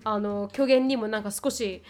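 A woman's voice: medium pitch, fairly even intonation, normal speed. A woman co-hosting a casual podcast chat who walks through news stories at length and reads out quotes. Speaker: podcast co-host.

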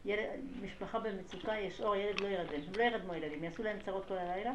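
A woman's voice: mid-range voice, slight background noise. Muffled woman speaking up in a class. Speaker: class participant. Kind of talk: casual group discussion.

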